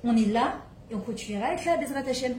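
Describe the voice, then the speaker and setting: A woman's voice: a little high, lively intonation, quick pace, darkish tone, roomy sound, slight background noise, rough recording. A woman giving an impassioned spiritual talk to a gathering of women in a home, asking rhetorical questions as she goes. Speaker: religious women's teacher. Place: private home.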